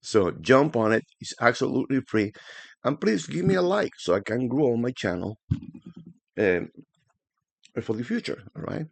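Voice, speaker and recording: A man whose first language is Spanish, speaking with a thick Spanish accent, hosts his own channel and talks through market charts in a chatty, animated way full of fillers. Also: medium pitch, measured pace, gravelly, pauses often, dry recording. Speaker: forex analysis channel host. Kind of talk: casual market commentary to camera.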